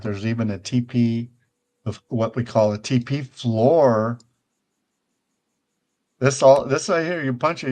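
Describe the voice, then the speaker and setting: An older man rambles as a casual show host on a virtual-world tour and chat, conversational and often checking in with "right?". His voice is mid-range and a little mellow.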